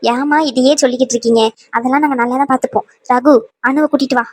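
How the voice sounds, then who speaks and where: A woman's voice: sits high, steady tone, quick pace, husky. Woman voicing a scolding wise grandmother. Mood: reassuring. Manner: scolding yet soothing, full of advice. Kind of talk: cartoon voice acting.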